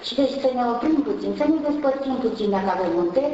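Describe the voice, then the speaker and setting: Nun speaking from afar in an echoing hall. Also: female voice, high voice, expressive, mellow, a little hiss or hum. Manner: unhurried, homely, repeats phrases for emphasis. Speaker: Orthodox nun giving spiritual counsel. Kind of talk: spoken spiritual talk on marriage. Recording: distant voice in a reverberant hall, dull lo-fi sound.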